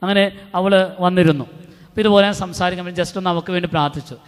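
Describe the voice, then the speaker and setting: A middle-aged man from Kerala with a Malayali accent, giving an animated retreat talk to youth and acting out the people in his stories. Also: high voice, rapid-fire. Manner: animated storytelling with acted quotes. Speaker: retreat preacher. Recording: long hall reverb.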